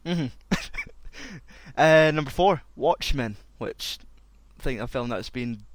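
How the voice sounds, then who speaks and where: A man's voice: mid-range voice, slow pace, no room sound. A man hosting a casual chat, loose and rambling. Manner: loose and rambling, laughs a lot. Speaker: podcast host.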